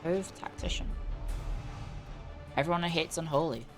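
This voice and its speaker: A woman's voice: low voice, a little slow. A woman doing casual live stream commentary on a game, chatty and reacting aloud with exclamations. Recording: music behind the voice. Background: game music.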